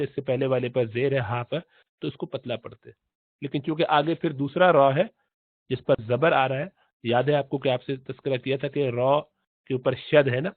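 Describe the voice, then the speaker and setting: A man teaching tajweed in Urdu, explaining slowly, repeating letter sounds and chanting recited verses in long drawn-out tones. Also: mid-range voice, no echo. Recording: tinny phone-like audio, dry.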